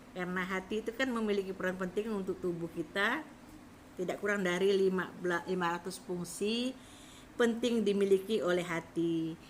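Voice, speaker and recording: Rambling about food and then promoting a herbal product, a middle-aged woman talks casually to viewers of her live stream. A little hiss or hum sits under the recording.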